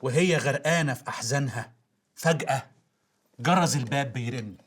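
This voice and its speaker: A man's voice: medium pitch, brisk, a little hiss or hum, lightly acted. An actor playing a 1940s radio announcer who narrates a drama theatrically, with an Egyptian accent and impatient asides to his crew. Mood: measured. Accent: Egyptian Arabic. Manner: theatrical, snapping orders in asides.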